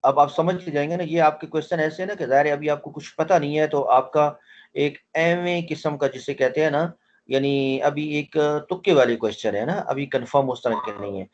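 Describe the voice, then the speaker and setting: A man's voice: fairly high pitch, a little fast, highs cut off, a little hiss or hum. A man teaching a language class online, explaining things step by step and often repeating his point as he quizzes his students. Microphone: online call audio.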